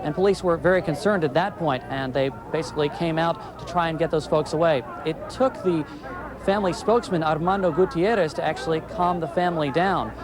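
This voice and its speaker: Crowd and street noise fill this outdoor live shot as a male TV field reporter delivers news from a city street. He speaks fairly quickly in a fairly high-pitched voice.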